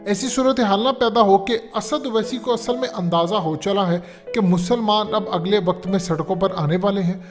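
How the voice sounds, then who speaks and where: Male political commentator, pitched high, emphatic lecturing delivery, soft music bed. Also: normal speed, hardly any pauses. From Pakistan. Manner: emphatic, lecturing, repeats "dekhiye".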